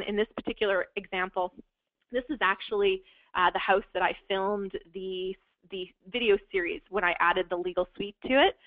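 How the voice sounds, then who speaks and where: Losing her voice, a woman keeps explaining real estate investing at length during a live webinar, stumbling over fillers and restarts. Her voice is mid-range, with no room sound in the dry, phone-like recording.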